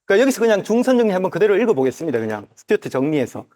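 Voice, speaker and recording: A man teaching a math lesson at a whiteboard, who talks to the parts of the figure as "you" and reads formulas slowly and repeats each step aloud. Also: sits high, sing-song, darkish tone. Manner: drawn-out, slow reading of formulas.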